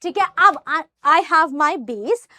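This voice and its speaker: Female maths teacher, North Indian accent, high-pitched, direct and emphatic classroom-style explaining, dry recording. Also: expressive, fast talker, sharp tone, no room sound. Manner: emphatic, addresses students directly. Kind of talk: explanatory lesson with rhetorical questions.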